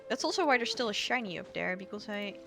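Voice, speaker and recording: Speaking fast with lively intonation and some vocal fry, this woman has a medium-pitched voice. Over background game music, she chats through a playthrough, reading lines aloud, giggling, rambling and poking fun at herself.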